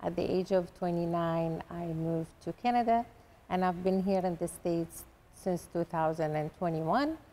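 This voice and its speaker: A woman from Iraq with an Iraqi Arabic accent, an artist answering interview questions in slow, deliberate phrases. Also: lowish voice, warm tone. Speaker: artist guest.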